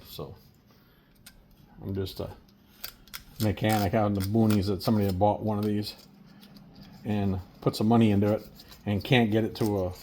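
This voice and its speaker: A folksy, plain-spoken mechanic with a lowish, darkish voice talks casually through a hands-on repair. An air compressor and workshop tools make noise behind him.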